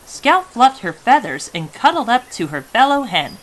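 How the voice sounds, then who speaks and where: Very animated woman storyteller. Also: fairly high pitch, moderate pace, rough recording. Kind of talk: animated scripted children's story narration. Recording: faint background noise.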